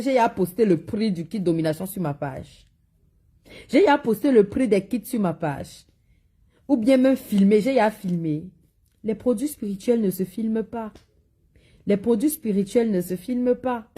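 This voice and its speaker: A woman's voice: medium pitch, warm tone, breathy edge. Blunt woman with a Cameroonian accent. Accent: Cameroonian French. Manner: blunt, scolding, repetitive warnings. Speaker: seller of spiritual and cosmetic products. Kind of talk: live social media monologue.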